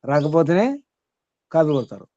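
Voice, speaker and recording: A man's voice: a little high, sing-song, normal speed, mellow. A man giving a spiritual teaching to listeners. He asks them questions, repeats key words, and chuckles now and then. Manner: chuckles between points. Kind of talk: question-and-answer spiritual discourse. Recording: slightly dull, dry recording.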